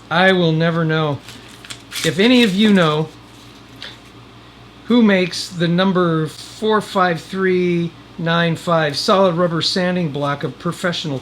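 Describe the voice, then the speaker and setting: Slightly high and fairly bright in tone, this man's voice carries a little hiss or hum. As host of a DIY channel, he talks through the work casually and folksily, adding wry asides for viewers.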